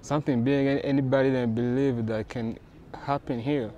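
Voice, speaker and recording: A man's voice: medium pitch, normal speed, dull audio. A man from Rwanda, a comics creator, chatting casually in an interview and acting out the conversations he recounts. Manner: animated, acts out quoted exchanges.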